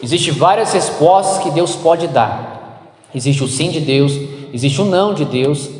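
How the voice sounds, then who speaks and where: A man preaching a sermon as pastor, animated, acting out little dialogues in playful voices. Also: fairly high pitch, measured pace. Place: church. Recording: echoey church hall.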